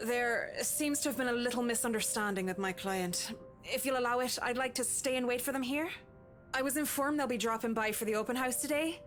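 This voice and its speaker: A woman's voice: fairly high pitch, brisk, fairly bright tone, faint music behind, pitched above the performer's own voice, natural voice. A woman reading as a composed, professional female interior designer in a story, formal and courteous.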